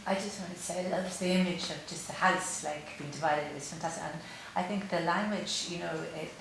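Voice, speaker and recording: Quick-talking woman in the audience. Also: fairly low pitch, creaky, fairly bright tone. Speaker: audience member. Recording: echoey hall, faint noise.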